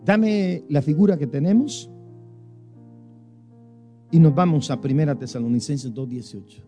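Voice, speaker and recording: A man preaching a sermon, emphatic, with big swings in pitch and loudness as he stresses points. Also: a little slow, faint music behind. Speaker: pastor.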